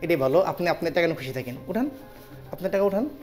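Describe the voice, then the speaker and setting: A woman with a fairly low voice works as a magician in the manner of a kids party act. She chants magic words and coaxes her participant along with interactive show patter. Music plays under her voice. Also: animated, very fast, a little mellow. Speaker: stage magician performing tricks for a participant.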